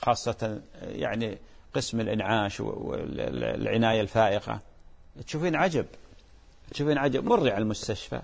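A man's voice: medium pitch, a little mellow. A man, a religious scholar giving earnest advice to a caller, repeating phrases and asking rhetorical questions. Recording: long hall reverb.

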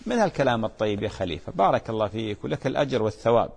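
A man hosting a religious advice show, answering viewers' questions in a gentle, fatherly way with frequent blessings. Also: mid-range voice, very animated, very fast, vocal fry, breathy edge.

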